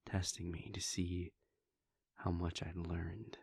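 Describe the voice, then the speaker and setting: Whispering in a low, husky voice, a man portrays a tired, brooding vampire prince sharing a soft, confiding monologue in an intimate audio roleplay. He speaks slowly and in a monotone, reflective and exaggerated, and the recording is dry.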